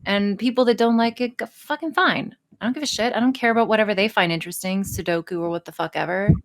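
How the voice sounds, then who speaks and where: Speaking quickly at a medium pitch, a woman guests on a podcast and talks about her work as an audio roleplay artist. The chat is casual and profane, and she's blunt and emphatic, swearing freely.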